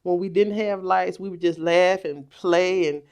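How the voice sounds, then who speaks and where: A middle-aged woman telling a personal story on a podcast, animated, acting out quoted voices. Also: lowish voice, unhurried, clean tone. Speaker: podcast guest. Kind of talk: casual storytelling.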